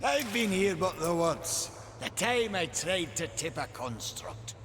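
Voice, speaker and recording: An actor playing an eager, boyish young Maker in a fantasy game, with an earnest, excitable manner. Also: male voice, high-pitched, takes it slowly, slight background noise, exaggerated voice. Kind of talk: dramatic fantasy game dialogue. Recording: long reverb, music behind.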